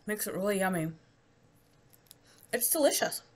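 A woman's voice: mid-range voice, expressive, normal speed. An American woman chatting casually to camera in a taste-test vlog, rambling and laughing easily. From United States. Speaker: vlogger.

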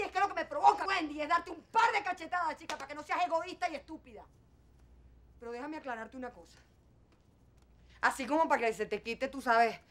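A woman's voice: fairly high pitch, close to an everyday voice. An actress with a Venezuelan accent playing a hurt, proud middle-aged mother who turns cutting and sarcastic toward her daughter in a telenovela. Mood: furious. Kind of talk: telenovela acting.

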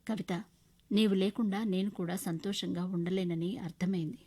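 A woman's voice: mid-range voice, steady tone, moderate pace, mellow, slightly rough, close to an everyday voice. A woman voicing a remorseful husband who tenderly pleads with his estranged wife in a storybook radio reading. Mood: pleading.

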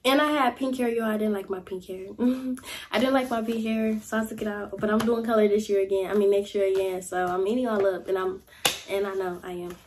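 A woman's voice: medium pitch, fairly quick, a little hiss or hum. A young woman, chatting casually to camera in a life-update vlog, full of "y'all" and "like". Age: young adult. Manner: chatty, repeats "y'all" and "like", animated gestures. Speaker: vlogger. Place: small indoor room, seated in chair.

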